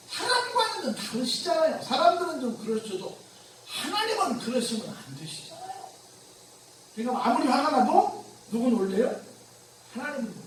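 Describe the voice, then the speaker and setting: A man's voice: extremely high pitch, recorded from a distance, slight background noise. A male pastor preaching a sermon in a conversational way, firing rhetorical questions at the congregation. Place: church sanctuary. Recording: very echoey church room from afar.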